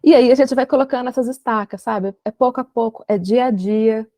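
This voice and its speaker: A woman's voice: on the high side, brisk, warm tone, no room sound. Reflective Brazilian woman, dry sound. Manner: reflective, emphatic, uses many tag questions. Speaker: guest, parenting educator. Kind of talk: conversational podcast interview.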